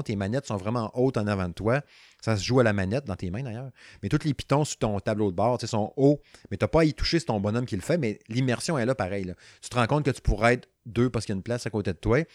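Young man, Quebec French accent, excitable game reviewer, rambling slangy chat, dry close sound. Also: mid-range voice, dry recording. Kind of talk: casual gaming chat.

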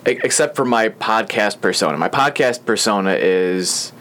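A man's voice: fairly low pitch, lively intonation, normal speed, a bit bright. A young man hosting a podcast in a small studio, chatting casually and rambling with lots of fillers. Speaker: podcast host. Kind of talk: casual chat.

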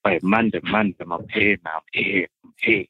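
A young man with a London roadman accent phones in as a guest, casually telling stories in street slang and repeating himself for emphasis. His voice is lowish, slightly rough and fry-laden, at normal speed with no echo, over a muffled, tinny phone line.

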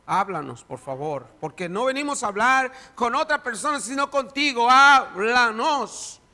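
A man's voice: very high-pitched, lively intonation, normal speed, pushed and bright. A man preaching a sermon in church, reading scripture dramatically and then leading a prayer. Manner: dramatic reading, voice rising and falling. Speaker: pastor.

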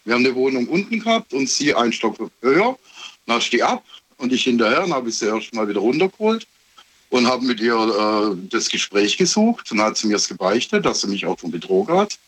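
A man from Heilbronn calling in to a radio show and haltingly telling a personal story with many pauses. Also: mid-range voice, big pitch swings, breathy edge. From Heilbronn, Germany. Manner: hesitant, many fillers and restarts. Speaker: caller. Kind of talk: recounting a personal story on a call-in. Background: radio playing quietly.

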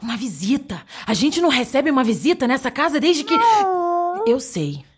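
An actress playing a sheltered, dreamy young maiden who talks in theatrical, tearful sighs, with a breathy voice, in an audio drama. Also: female voice, sits high, sing-song, moderate pace, heavily acted. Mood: melodramatic.

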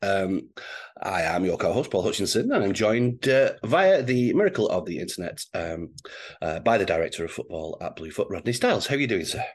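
A man's voice: low-pitched, sing-song, a little fast. A man co-hosting a casual football podcast, wheezy and congested from flu, speaking hesitantly with frequent stammered restarts. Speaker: podcast co-host.

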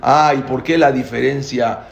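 A man's voice: medium pitch, steady tone, normal speed, gravelly, reverberant, lo-fi sound. A man giving a spoken Torah lesson to a class, explaining with many restarts and rhetorical questions. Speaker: rabbi teaching a class.

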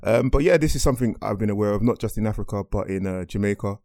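Brisk, lowish podcast co-host, jokey and plain-spoken, dry close sound. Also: male voice, darkish tone, no echo. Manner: joking, explains in plain terms. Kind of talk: casual finance podcast chat.

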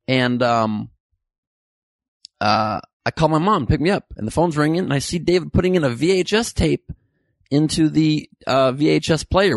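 A man's voice: a little high, no room sound. A man hosting a comedy show, delivering a dry, rambling monologue full of self-correcting jokes. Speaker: comedy podcast host. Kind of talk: deadpan comic monologue.

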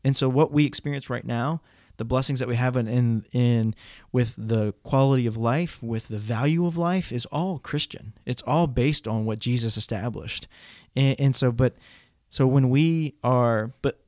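A man's voice: medium pitch, normal speed, few pauses, darkish tone, no echo, studio quality. A man on a podcast earnestly working through a faith topic, restarting his sentences as he searches for words. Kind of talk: casual faith discussion.

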